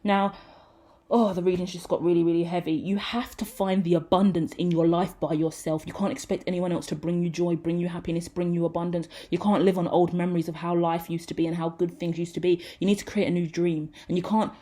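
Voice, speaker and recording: A woman's voice: fairly low pitch, little pitch movement, fairly quick, warm tone. A woman, giving a frank, rambling tarot reading straight to her viewers. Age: 30s. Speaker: tarot reader. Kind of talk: casual tarot reading to camera.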